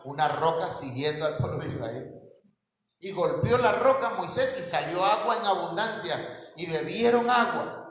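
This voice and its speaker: A male pastor preaching in a high voice, telling the story and checking that his listeners follow. His voice rings through a large, very reverberant church hall with a long echo. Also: fairly bright tone. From Mexico. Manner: storytelling, asks the congregation questions, chuckles at his own slips. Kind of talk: sermon.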